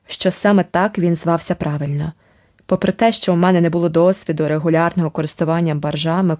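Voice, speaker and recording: Mellow, low-voiced woman reading a story. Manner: expressive, dramatic storytelling. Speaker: audiobook narrator. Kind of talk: first-person audiobook narration.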